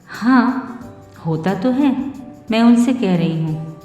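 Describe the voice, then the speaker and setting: A woman voicing a calm, soft-spoken wife whose gentle words carry quiet sarcasm, in a storybook reading. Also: a little high, slow. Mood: sweetly barbed. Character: calm, cutting married wife, adult woman. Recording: roomy reverb with soft music.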